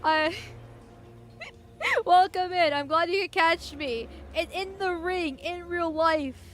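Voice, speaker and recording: Brief: high-pitched woman streamer, giggly and rambling, casual game chat. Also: lively intonation, slow pace, fairly bright tone, faint music behind. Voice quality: chatty, giggly, stumbling restarts. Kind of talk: casual gaming commentary.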